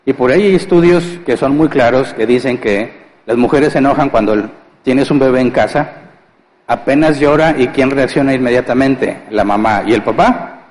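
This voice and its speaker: A man's voice: mid-range voice, moderate pace, a little mellow, big-room sound, low-quality recording. A male pastor giving a conversational sermon, asking rhetorical questions and acting out family scenes with humor. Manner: conversational, asks rhetorical questions and answers them; acts out household scenes with humor. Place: church.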